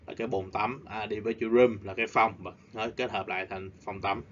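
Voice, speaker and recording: A man teaching an English lesson, explaining at length and slowing down for emphasis. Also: fairly low pitch, steady tone, slight background noise. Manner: switches between explaining and slow, emphatic drilling. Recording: slightly dull lo-fi audio.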